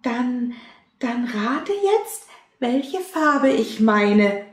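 A woman voicing a small, excitable mouse with a high piping, stammering voice, reading a storybook aloud. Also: drawn-out words, heavily acted. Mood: playful. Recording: roomy echo.

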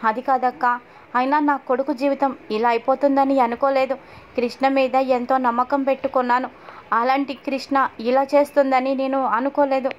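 A woman's voice: high-pitched, level tone, normal speed, a little hiss or hum, natural voice. A woman voicing a worried, tearful middle-aged mother-in-law in a sorrowful lament. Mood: grieving. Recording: dull lo-fi audio.

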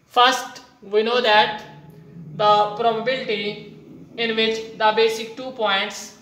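A maths teacher with a Pakistani accent giving a whiteboard lesson in halting, piecemeal phrases, voice of unclear sex. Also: medium pitch, level tone, fairly bright tone, a little hiss or hum. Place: indoors at a whiteboard. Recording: echoey room.

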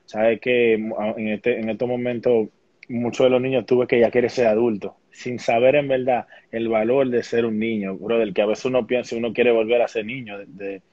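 A young baseball player from the Dominican Republic, speaking with a Dominican Spanish accent in a mid-range voice, is interviewed calmly from a small room at home. He speaks in a measured way but often restarts his sentences. The video call audio comes through a laptop webcam, dull and lo-fi, with no echo.

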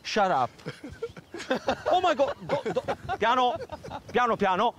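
A man with an Italian accent, an excitable, complaining travel show co-host bantering on horseback outdoors, slipping in Italian words. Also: very high voice, unhurried, slight background noise. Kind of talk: casual banter on a road trip.

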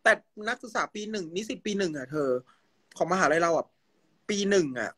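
A man's voice: high-pitched, lively intonation, bright, forceful tone, breathy edge, no echo. A young man from Thailand chatting casually on a phone livestream, playfully demonstrating food as he talks. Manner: playful, drawn-out food demonstration with a running commentary. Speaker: livestream host.

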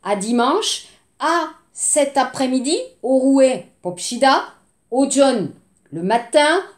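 High-voiced teacher, echoey room. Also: female voice, lively intonation. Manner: slow, deliberate modeling of phrases, switching into Korean. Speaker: French teacher. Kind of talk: language lesson for Korean learners.

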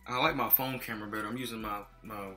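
A young Texan man talks fast in a fairly low, sharp-toned voice with fairly even intonation, casually rambling through car care products with many fillers. The laptop mic in his dim apartment living room gives a roomy sound, and soft music plays behind him.

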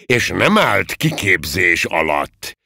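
A man voicing a naive, carefree young army recruit who talks in a chirpy, excitable way. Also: low voice, creaky, no room sound, studio quality, pitched above the performer's own voice, full character voice. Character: cheerful naive long-faced male army recruit.

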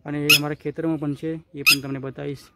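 In a casual walk-and-talk vlog shot on a handheld phone, a young man from Gujarat, India, speaking with a Gujarati accent, tours his village rooftop and describes what the camera sees, often repeating phrases. He talks quickly in a level tone on the high side, over a very noisy background of calling birds.

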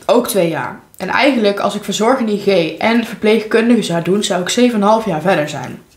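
A woman's voice: medium pitch, fairly quick. Young adult female vlogger, candid mukbang chat, mid-range voice, roomy home recording. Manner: candid, informal, talking between bites. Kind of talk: casual chat while eating, mukbang vlog. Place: living room at home, indoors. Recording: echoey room, clear background noise.

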